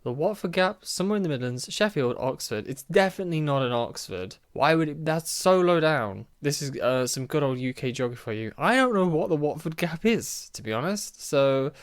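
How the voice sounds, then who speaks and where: A man's voice: a little high, expressive, fairly quick, hardly any pauses. Chatty self-mocking man. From United Kingdom. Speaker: podcast host. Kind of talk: casual solo chat answering a quiz.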